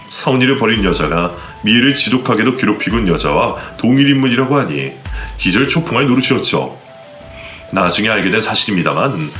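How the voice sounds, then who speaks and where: A man's voice: on the low side, fairly bright tone. A man doing scripted first-person narration of a dramatic story for a radio-style channel. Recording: roomy echo, faint background music.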